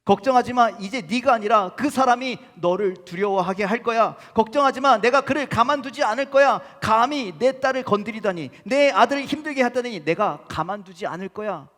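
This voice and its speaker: A man's voice: extremely high pitch, animated, brisk, few pauses, a bit bright, long reverb tail, pitched above the performer's own voice. A pastor acting out God as a protective father, speaking emphatically and threateningly. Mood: protective, stern.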